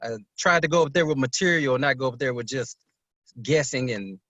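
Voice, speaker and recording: A male guest comedian in a casual chat, laughing often and trading quick jokes. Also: mid-range voice, a bit bright, no echo, lo-fi sound. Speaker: guest comedian and massage therapist.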